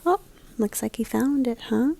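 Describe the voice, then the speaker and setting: Speaking as an elementary art teacher, a woman walks young children through a picture book, asking them questions so they look closely. Her voice is soft-edged, mellow and breathy, a little high and animated, often creaking at the ends of phrases. She talks at normal speed, and there is no echo.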